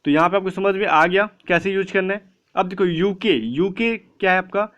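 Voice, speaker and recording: A man with a fairly high voice gives an online English lesson for exam students. He explains step by step, often asking a question and answering it himself. The audio sounds dull and lo-fi. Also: moderate pace, fairly bright tone. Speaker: English teacher for exam prep. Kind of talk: online class lecture.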